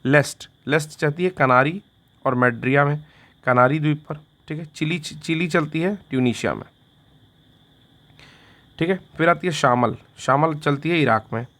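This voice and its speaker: A man's voice: mid-range voice, fairly bright tone. A man teaching an exam revision lesson in Hindi, repeating each fact and quizzing himself with a question and its answer, with "theek hai" after each point.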